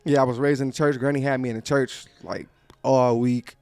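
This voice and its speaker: A man's voice: medium pitch, fairly even intonation, brisk, darkish tone, smooth, no room sound, soft background music. A man from Pontiac, Michigan, a rapper guest telling his life story in a loose, slangy, rambling way. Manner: laid-back, rambling, slangy, laughs often. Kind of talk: casual storytelling interview. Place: clothing store.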